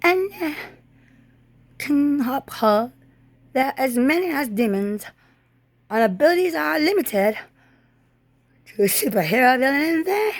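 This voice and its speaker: High-pitched woman, slow rambling monologue. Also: sing-song, dry recording. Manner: disjointed, halting, drifting phrases.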